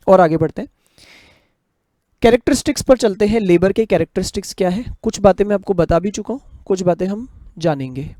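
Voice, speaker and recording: A man teaching a commerce lecture, explaining in Hindi mixed with English, reading the text aloud slowly and asking rhetorical questions. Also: sits high, mellow, no echo, clean studio sound. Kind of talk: classroom lecture.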